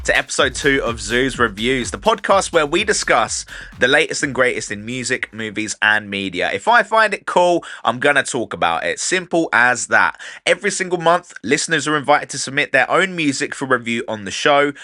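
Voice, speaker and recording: Chatty, lively man hosting a podcast. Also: medium pitch, moderate pace, dry recording, clean studio sound. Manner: chatty, animated, swears casually. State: wired on coffee, speaking fast. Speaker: podcast host and DJ. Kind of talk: casual solo podcast monologue.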